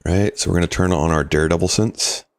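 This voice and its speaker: A man's voice: low voice, steady tone, quick pace. A man casually commentating his game on a live stream, explaining rules and answering chat.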